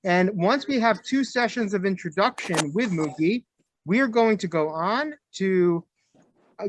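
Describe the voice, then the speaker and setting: A rabbi hosting a video call introduces a speaker, chatting hesitantly and using many fillers. His voice is high-pitched and the recording dry, captured by a camera mic in a room with people behind him.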